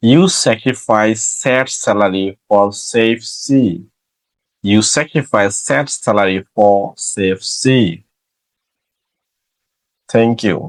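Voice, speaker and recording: A man with a Bengali accent teaching English pronunciation, saying each example word slowly and repeating it. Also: mid-range voice. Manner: slow, drawn-out repetition of each word. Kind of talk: pronunciation lesson.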